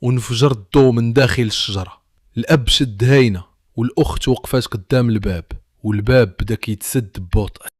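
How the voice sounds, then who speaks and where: A man's voice: mid-range voice, quick pace, darkish tone, no room sound, studio quality. A man narrating a dramatic story. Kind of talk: scripted narration.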